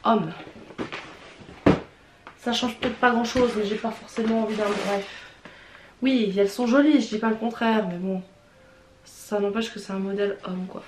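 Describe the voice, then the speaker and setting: In a medium-pitched, darkish voice with fairly even intonation, this vlogger moves at a moderate pace and pauses often. She has a Swiss French accent and a cold-stuffed nose, chatting candidly and haltingly through a clothing unboxing and try-on with many fillers and restarts. The recording is roomy with faint background noise.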